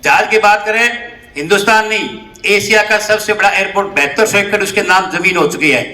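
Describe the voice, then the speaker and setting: An assertive man makes his party's case in a heated political debate. His voice is high and bright. It rings in an echoey hall with a faint hum of noise behind him. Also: brisk. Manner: assertive, insists on being heard. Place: large hall with public audience.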